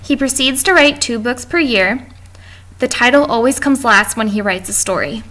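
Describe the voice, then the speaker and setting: A woman reads her class presentation aloud from notes in a fairly high voice. She trips on a word now and then and restarts it before carrying on. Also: lively intonation, normal speed, bright, forceful tone. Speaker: student presenter.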